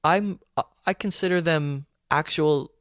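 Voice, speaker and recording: A young Canadian man co-hosting a podcast, joking and brisk as he reads listener questions. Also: a little high, a bit bright, dry recording, studio quality. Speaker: podcast co-host. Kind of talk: casual podcast chat, reading listener questions.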